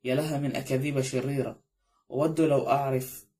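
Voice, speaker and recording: Nervous pleading butler guy, read by a man, dark voice, audiobook. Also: medium pitch, little pitch movement, a little fast, lightly acted. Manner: pleading, swearing his innocence. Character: anxious middle-aged male butler, pleading.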